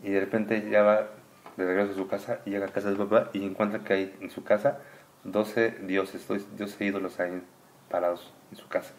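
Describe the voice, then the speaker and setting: Low-voiced father teaching. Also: little pitch movement. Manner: patient, asks the child questions, reads passages slowly and louder. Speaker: father homeschooling his child. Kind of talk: reading and explaining a scripture story to a child.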